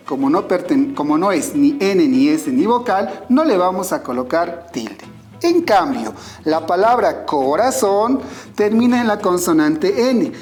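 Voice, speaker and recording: A man from Bolivia with a Bolivian Spanish accent, a teacher giving a scripted online lesson, explaining clearly and speaking directly to his students. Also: high-pitched, a little mellow.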